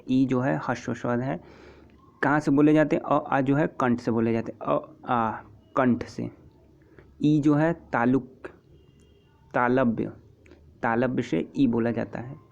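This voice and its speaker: A man teaching an exam-prep lesson, patiently repeating terms and example sounds, with frequent throat clearing. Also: medium pitch. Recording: dull lo-fi recording.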